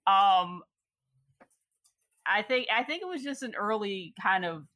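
Bright-toned woman telling a story. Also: mid-range voice, lively intonation, slow, dry recording. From Chicago. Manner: laughs often, reflective, many fillers. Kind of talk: casual storytelling conversation.

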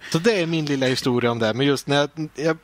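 A man telling a story in casual chat, lively and animated, swearing freely and acting out scenes. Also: fairly high pitch, no echo.

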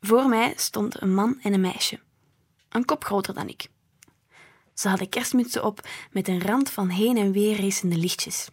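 A woman reading a children's book aloud in a gentle, expressive way. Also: medium pitch, slightly rough. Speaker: storyteller.

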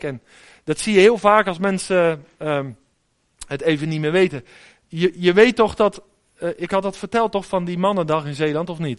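A middle-aged man preaching a sermon in a conversational, storytelling way, often asking the listeners direct questions. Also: high-pitched.

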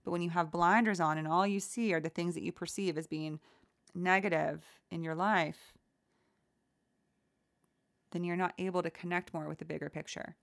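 A woman hosting a solo podcast, talking in a soft, gentle and soothing way as she reflects aloud. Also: lowish voice, fairly even intonation, normal speed, vocal fry, long pauses, no echo. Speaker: podcast host.

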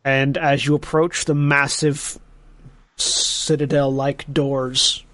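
A man working as game master, narrating a tabletop game with descriptive, deliberate scene-setting. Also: medium pitch, flat delivery, fairly bright tone, no echo.

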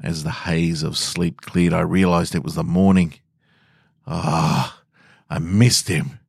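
A low, steady male voice with a gravelly, husky texture takes his time. He's an Australian podcast host reading short scripted stories and making casual remarks to listeners, recorded in a dry, echo-free studio.

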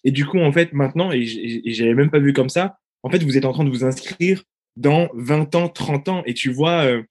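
A man's voice: medium pitch, moderate pace, a little mellow. Enthusiastic podcast co-host man. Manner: enthusiastic, emphatic agreement. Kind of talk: casual podcast interview.

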